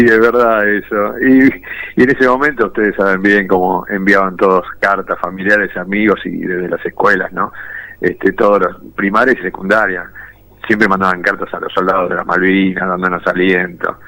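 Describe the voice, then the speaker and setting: A man's voice: sits low, sharp tone, rough recording. A man in his fifties from Argentina, a war veteran telling his own story in an interview in a reflective, storytelling way. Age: 50s. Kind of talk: personal testimony in an interview.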